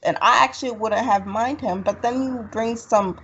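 A woman's voice: fairly high pitch, moderate pace, dull audio, a loud crowd. A woman in a casual TV recap chat, ranting in an exasperated way and saying "like" constantly. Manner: exasperated ranting, heavy use of "like".

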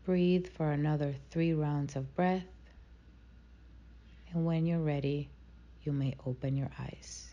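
A woman leading a guided meditation in a slow, soothing, calming manner. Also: low voice, highs cut off, a little hiss or hum.

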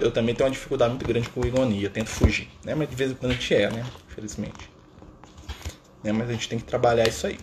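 Man hosting a casual live stream, mid pitch, chatty and playful, slight hiss behind. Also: darkish tone. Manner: chatty, constant "né?" tags, playful asides. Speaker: spiritist live-stream host. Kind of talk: casual spiritual talk to viewers.

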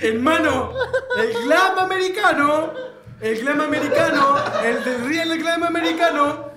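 Loud high-voiced Chilean man, shouting and laughing. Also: measured pace, over loud music. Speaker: podcast co-host. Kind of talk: rowdy casual chat on a livestream.

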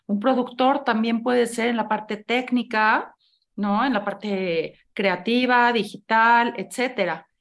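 A woman's voice: on the high side, takes it slowly, gravelly. A woman with a Mexican accent presenting a show and interviewing in a conversational style. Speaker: program host, interviewer.

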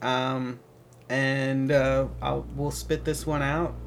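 Emotional male podcast host, halting. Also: medium pitch, little pitch movement, vocal fry, a little hiss or hum. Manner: emotional, halting with many restarts. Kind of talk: casual chat.

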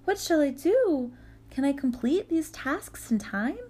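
A timid young girl with a raised, pleading voice, put on by a woman storyteller. She asks everything gently and politely, worried but courteous. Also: sits high, very animated, unhurried, pitched above the performer's own voice. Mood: anxious.

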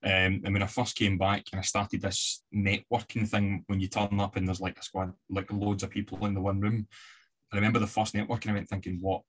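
Brisk and breathy-edged, the lowish male voice here barely moves in pitch. He is a west-of-Scotland podcast guest, chatting casually and spinning stories with easy fillers and laughs.

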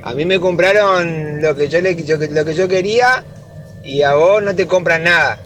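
A man's voice: fairly high pitch, moderate pace, fairly bright tone, faint music behind. A man with an Argentine accent telling a long joke as a caller, rambling and repeating himself. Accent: Argentine Spanish. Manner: rambling storytelling with repeated "le dice".

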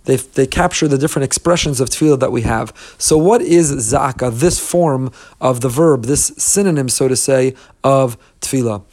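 A man's voice: mid-range voice, normal speed, hardly any pauses, darkish tone. A middle-aged man giving an audio lesson on prayer, explaining earnestly with rhetorical questions and Hebrew terms. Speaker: rabbi teaching prayer.

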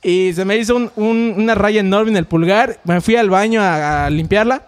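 A man's voice: sits high, moderate pace. A young man with a Mexican accent, telling a rambling story in casual chat with friends.

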